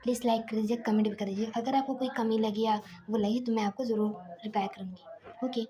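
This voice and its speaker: A woman narrating a romantic story in a casual, soft and often half-whispered way. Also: a little high, fairly even intonation, a little fast, a crowd in the background.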